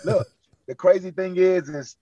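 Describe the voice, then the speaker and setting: A man's voice: high voice, a little slow, dry recording. A man in his forties, a former pro basketball player, telling stories in casual chat and acting out what others said. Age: 40s. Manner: animated, quotes others in lively voices. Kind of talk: casual storytelling. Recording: slightly lo-fi, dry.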